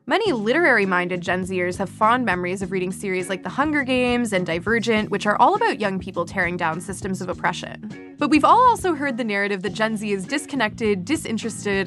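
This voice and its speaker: A young woman from Canada hosts a podcast, narrating from a script with a wry, self-deprecating edge. Her pitch sits in the middle range. Music plays clearly under her. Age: 20s. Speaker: podcast host.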